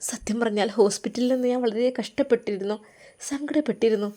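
A woman's voice: on the high side, fast, warm tone, pitched above the performer's own voice, lightly acted. A woman voicing a loving young wife who speaks with emotional, pleading tenderness. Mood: tearful joy.

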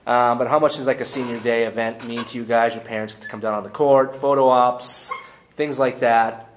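A man's voice: medium pitch, fairly even intonation, a little fast, slight background noise. A man interviewing players at a postgame press conference, rambling and restarting his questions.

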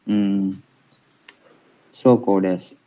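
A young man reading his answers aloud in an online class, halting with fillers between words. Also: deep voice, steady tone, mellow, low-quality recording. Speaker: student.

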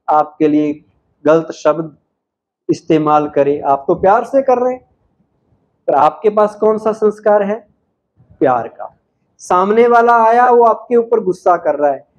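A man's voice: high-pitched, darkish tone. A man giving a spiritual talk to an audience, asking questions and answering them himself with emphasis. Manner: unhurried, emphatic delivery. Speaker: spiritual speaker. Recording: slightly dull, lo-fi sound.

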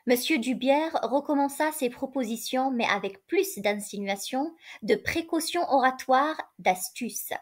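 High-voiced woman reading a story. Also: measured pace, few pauses. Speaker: reader. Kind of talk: reading a literary story aloud.

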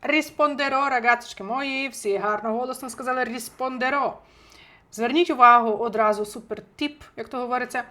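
A woman teaching an online language lesson from home, chatty and lively, talking straight to her viewers, a little under the weather. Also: on the high side, fairly quick. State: recovering from illness, clears throat. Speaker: Italian teacher. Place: home, indoors.

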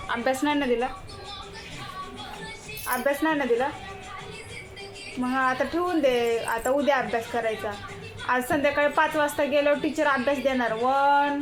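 A young mother chatting with her little child in a casual family vlog, coaxing and teasing. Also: high-pitched. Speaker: mother and vlogger.

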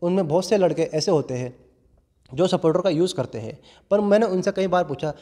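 A man's voice: high-pitched, lively intonation, fairly quick, mellow. Young man in an echoing gym. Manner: earnest, explanatory, addresses viewers as friends. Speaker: fitness YouTuber, gym owner. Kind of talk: explainer vlog to camera. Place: large indoor gym. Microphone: clip-on lapel mic held in hand. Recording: long reverb of a gym hall.

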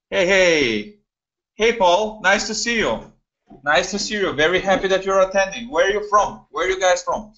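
A young Bulgarian man hosts a live webinar, his voice sitting on the high side and a little bright. He chats away with plenty of fillers, picked up by a computer mic in a small room, and the audio is dull and lo-fi.

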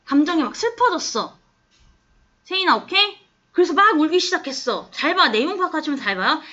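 A woman teacher's voice, high and bright, walks a class through an English passage. She coaxes the students and keeps checking whether they follow. The recording is dull and lo-fi, as if captured in the classroom. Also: very animated, a little fast. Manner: coaxing, keeps asking the class if they understand. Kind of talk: classroom lesson explaining an English text.

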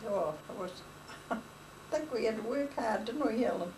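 An older woman recalls the past in a chatty, wandering way, voicing every bit of remembered dialogue. Her voice sits a little high with a gravelly crackle. She is heard from a distant mic over a faint hiss. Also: expressive, normal speed. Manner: rambling, chatty, retells dialogue, laughs. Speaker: interviewee. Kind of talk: oral history storytelling.

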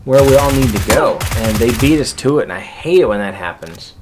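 A man with an ordinary mid-range voice talks through recorded gameplay in a relaxed, casual tone. He explains each move step by step, like a host walking his squad through a past match. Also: mid-range voice, brisk, over music.

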